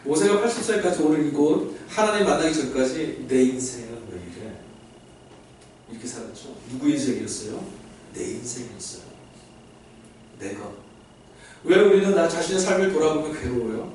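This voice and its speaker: A man's voice: fairly high pitch, fairly quick. A male pastor giving a sermon, putting questions to the crowd and acting out the lines he quotes. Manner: animated preaching, acts out God's voice and asks the crowd questions. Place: large echoey church hall. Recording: echoey hall from far off, faint noise.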